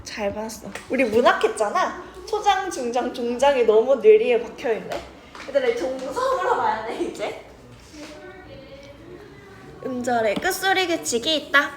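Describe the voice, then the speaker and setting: Young female tutor, high pitch, casual classroom explaining, frequent check-ins. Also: animated, measured pace, soft background music. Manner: chatty, checks in with students often. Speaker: teacher. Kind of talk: grammar lesson to students.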